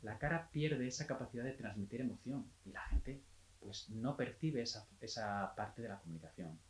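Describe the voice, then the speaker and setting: A man working as a physiotherapist, giving a calm, explanatory health talk and restarting phrases now and then. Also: mid-range voice, normal speed, echoey room, a little hiss or hum, rough recording.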